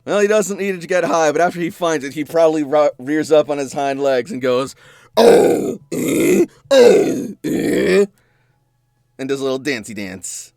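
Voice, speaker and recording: A man narrating as game master of a tabletop role-play, playful and animated. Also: on the high side, quick pace, few pauses, dry recording, clean studio sound.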